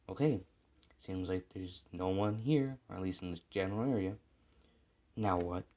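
A man's voice: deep voice, moderate pace, muffled recording. A man doing a desperate, lost man. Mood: calling out. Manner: talks to himself, breaks into shouting.

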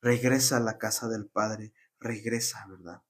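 Husky guy preaching a devotional, passionate, keeps asking "right?". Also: on the low side, fairly even intonation, unhurried. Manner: passionate, repeats "¿verdad?" often. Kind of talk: devotional teaching.

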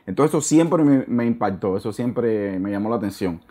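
Speaking earnestly with a Cuban Spanish accent, a middle-aged man from Cuba appears as a guest in a casual interview and keeps pausing to reach for words. His lowish, dark voice is expressive.

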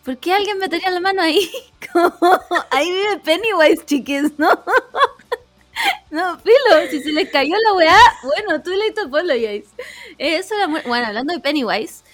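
A young woman with a Chilean accent, chatting casually as a podcast co-host, full of swearing and animated storytelling. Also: very high-pitched, normal speed, dry recording, faint music behind. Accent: Chilean Spanish. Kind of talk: casual chat.

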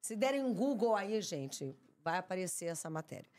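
A woman, a podcast guest telling a story in an animated, emphatic way, often repeating herself. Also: lowish voice, moderate pace. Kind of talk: casual chat, storytelling.

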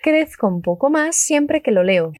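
A woman teaching a Spanish lesson, upbeat and enthusiastic, saying model phrases slowly and clearly for learners to repeat. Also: high voice, expressive, a little mellow, dry recording, clean studio sound. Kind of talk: language lesson with repeat-after-me drills.

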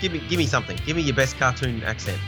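A man's voice: medium pitch, animated, rapid-fire, over music. An Australian man, a vlogger, co-hosting a casual chat with a joking, dry humour and easy laughter. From Australia (Tasmania). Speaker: vlogger and co-host.

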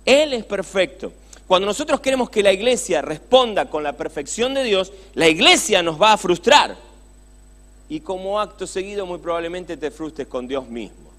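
Male preacher, Rioplatense accent, animated high delivery, passionate and conversational. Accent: Rioplatense Spanish. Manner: passionate, conversational, rhetorical questions. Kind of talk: sermon.

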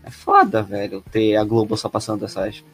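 A man's voice: on the low side, sing-song, moderate pace, vocal fry, fairly bright tone, slightly rough, soft background music. A young man with a Brazilian accent, chatting casually in sweary slang.

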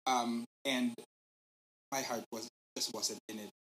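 A woman's voice: a bass voice, steady tone, slow pace, fairly bright tone. A woman with a Filipino accent chatting casually and hesitantly, repeating words and mixing in Tagalog. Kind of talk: casual chat.

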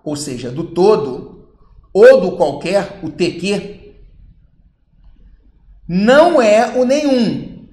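A man with a Brazilian Portuguese accent teaching logic to exam candidates, lively and acting out students' questions. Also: high-pitched, reverberant. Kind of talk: logic lesson with on-screen board.

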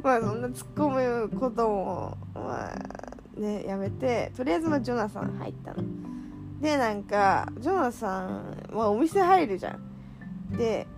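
A woman with a fairly high voice tells a story in casual chat, her pitch leaping up and down. She acts out what others said and laughs often. Music plays behind her. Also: normal speed, vocal fry. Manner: animated, acts out quoted lines, laughs often. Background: background music.

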